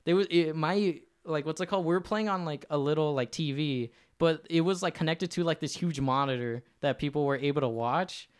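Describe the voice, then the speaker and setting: A man's voice: fairly high pitch, a little fast, hardly any pauses, clean tone. A young man co-hosting a casual podcast, telling a story in a rambling way, full of fillers and asides. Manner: rambling, many fillers and laughs. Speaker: podcast co-host.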